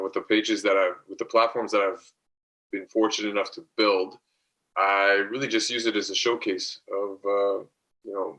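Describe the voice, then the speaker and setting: A man in his thirties talks as a podcast guest, relaxed and easygoing, laughing easily. His voice is fairly low but bright and forward in tone. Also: poor audio. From Canada. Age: 30s. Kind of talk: casual podcast chat.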